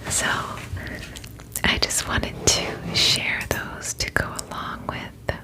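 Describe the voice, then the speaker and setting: Female ASMR host for a whispered pep talk: gentle, reassuring, unhurried delivery, fully whispered. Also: low-quality recording. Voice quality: whispering, breathy unvoiced voice. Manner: gentle, reassuring, slow and reflective.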